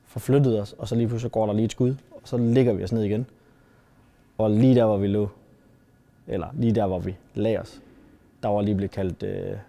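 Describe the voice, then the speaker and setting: A man from Denmark, likely in his thirties, recounting his time as a soldier in combat, halting and often restarting his sentences. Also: fairly low pitch, creaky, dark tone. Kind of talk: personal storytelling.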